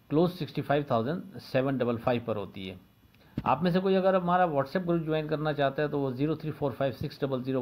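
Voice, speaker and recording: Male market commentator, Pakistani Urdu accent, mid pitch, methodical delivery with filler pauses. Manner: steady, methodical, repeats figures and levels, frequent "uh" fillers. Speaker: stock market analyst. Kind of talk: daily market forecast commentary.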